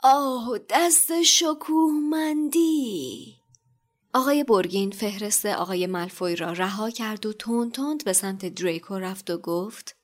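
Woman reading a novel aloud. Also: medium pitch. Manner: measured storybook narration. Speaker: reader.

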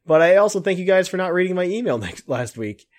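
A man's voice: high voice, big pitch swings, fast. A man co-hosting a podcast, reading a listener's email aloud in a casual tone. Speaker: podcast co-host.

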